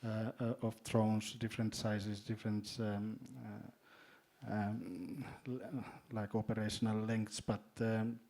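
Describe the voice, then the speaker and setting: A man from Finland with a Finnish accent, speaking as a panelist in a hesitant way, often repeating words and filling pauses. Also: lowish voice, little pitch movement, dark tone. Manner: halting, repeats words, many fillers. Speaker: panelist, drone company executive. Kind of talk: panel discussion.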